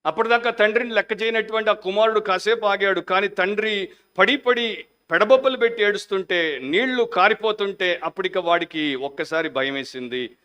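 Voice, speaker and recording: A man preaching a Sunday sermon as a pastor, passionate at the peaks and hushed in prayer, mixing English phrases into his Telugu. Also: high-pitched, moderate pace, smooth, muffled recording. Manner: fervent preaching, shifting into quiet prayer.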